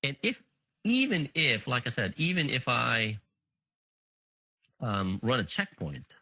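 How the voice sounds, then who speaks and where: A man's voice: mid-range voice, sing-song, takes it slowly, bright, forceful tone, no echo, low-quality recording. A man presenting a technical session, talking through a live demo, counting items on screen and thinking aloud with frequent fillers. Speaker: conference presenter.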